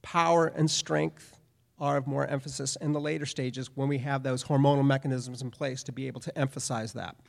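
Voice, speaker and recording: A man's voice: medium pitch, level tone, fairly quick, gravelly. A middle-aged man giving a conference presentation as a professor, speaking emphatically with repeated phrases. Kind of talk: lecture presentation. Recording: long hall reverb.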